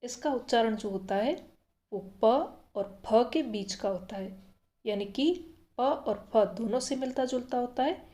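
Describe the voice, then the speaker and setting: Her voice is a little high with a dark tone and a measured pace as she teaches a language, going slowly and carefully, repeating each letter sound patiently and walking through the steps.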